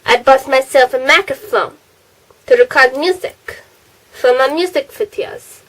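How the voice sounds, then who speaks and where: A teenage girl chats to her camera from her bedroom in a bright, high voice. She rambles with quick, giggly asides, recorded through a plain built-in laptop mic. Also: rough recording. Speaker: vlogger. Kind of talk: casual chatty vlog. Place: bedroom at home.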